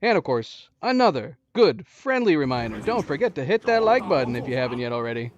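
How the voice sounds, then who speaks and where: Fairly high-pitched and very animated, this American man talks fairly quickly as he streams a video game, laughing a lot and bantering with his audience. The sound is lo-fi, with a crowd audible in the background and game music beneath.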